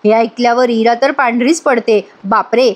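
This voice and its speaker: A woman's voice: a little high, moderate pace. A woman narrating a voice-over review of a TV serial episode. She speaks straight to her viewers and reads out each character's lines herself.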